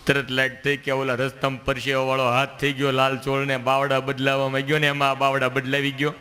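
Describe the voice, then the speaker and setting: Bright-voiced storyteller man. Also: mid-range voice, fairly quick. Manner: lively, folksy, acts out voices. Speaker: religious storyteller. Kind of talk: devotional story sermon.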